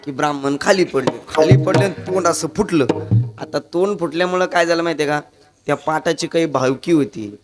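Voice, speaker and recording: A man telling a comic devotional story as a kirtan preacher, acting out the characters in raised voices. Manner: animated, acts out characters with raised pitch.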